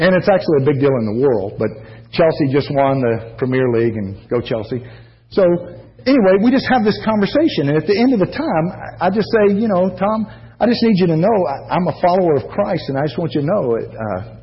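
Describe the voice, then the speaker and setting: American pastor, storytelling sermon, lo-fi. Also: male voice, on the high side, sing-song, fairly quick. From United States. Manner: folksy storytelling with jokes and asides to the congregation.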